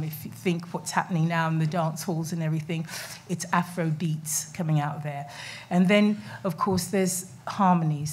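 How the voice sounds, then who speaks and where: A middle-aged woman, a documentary maker, speaks on a festival panel in a conference room, chatty and full of fillers and restarts. Her voice is deep and a little mellow, picked up by a table mic on a stand with a slight hiss or hum.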